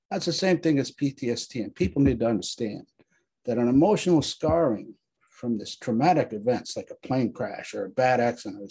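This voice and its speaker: Husky older American man, reflective storyteller. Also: medium pitch, warm tone. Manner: earnest, emphatic, repeating phrases. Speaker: Vietnam War veteran recounting his experiences.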